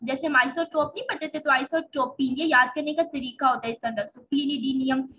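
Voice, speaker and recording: Woman lecturer, high bright voice, patient step by step explaining, little bit of noise behind. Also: fairly even intonation, moderate pace, highs cut off. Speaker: medical lecturer. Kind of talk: pharmacology lecture.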